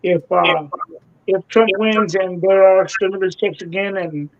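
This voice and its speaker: High-voiced man over dull audio. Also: measured pace, creaky. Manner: earnest, hesitant, repeats words. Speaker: panelist. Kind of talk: casual panel chat.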